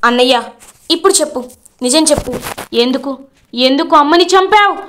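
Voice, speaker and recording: A wounded young man in a retold serial, anguished and demanding, as a woman storyteller voices him. The voice pitches high. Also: fairly quick, fairly bright tone, a little hiss or hum. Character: wounded young man confronting his brother.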